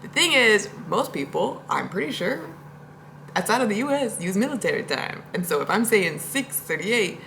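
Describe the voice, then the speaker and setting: A woman's voice: mid-range voice, very animated, normal speed, vocal fry, fairly bright tone, slight background noise. A woman vlogging from her home, telling rambling stories in a chatty way and laughing often. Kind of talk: casual storytelling vlog.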